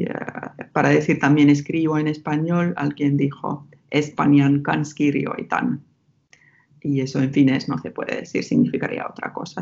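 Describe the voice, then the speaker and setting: A woman researcher from Ostrobothnia, Finland, whose first language is Finnish, is a guest in an academic interview. Her voice is low, gravelly and dark, with a Finnish accent, and she speaks thoughtfully, often restarting. The recording is slightly lo-fi.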